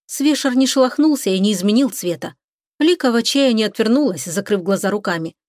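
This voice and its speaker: A woman's voice: mid-range voice, expressive, fairly quick, darkish tone, dry recording. Woman narrating a storybook. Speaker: audiobook narrator. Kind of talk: scripted narration.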